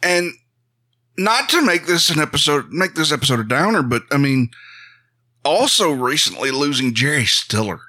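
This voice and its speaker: A man co-hosting a podcast, telling stories in a casual, animated way and laughing along. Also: on the high side, moderate pace. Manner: animated storytelling, laughs at his own stories. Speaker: podcast co-host. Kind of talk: casual chat.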